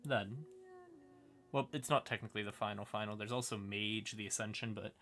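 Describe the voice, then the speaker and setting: A man with a fairly low voice and fairly even intonation talks a little fast while hosting a livestream. He explains casually in a folksy, rambling manner, saying y'all and howdy and muttering asides, as music plays quietly behind.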